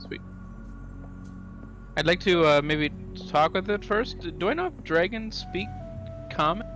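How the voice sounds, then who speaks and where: A man playing a tabletop game, casually role-playing his character in a halting, hesitant way. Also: sits high, lively intonation, fairly bright tone, soft background music.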